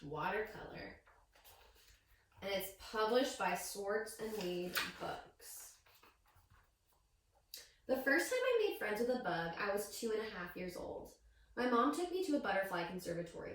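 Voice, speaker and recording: In a very echoey room, captured by a far-off microphone, a woman teacher reads a picture book to young children. She speaks at normal speed in a mid-range voice, storytelling with expression and posing questions to the kids.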